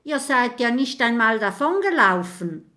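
A woman's voice: fairly high pitch, very animated, unhurried, pushed and bright, voice pushed up, full character voice. A woman voicing a shy, clumsy little male ghost who stammers and mixes up names. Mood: flustered sheepish.

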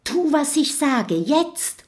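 Woman doing a high, plucky little dragon boy. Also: big pitch swings, slow pace, heavily acted. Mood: urgent. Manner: urgent, bossy when giving orders. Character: brave quick-thinking little boy dragon.

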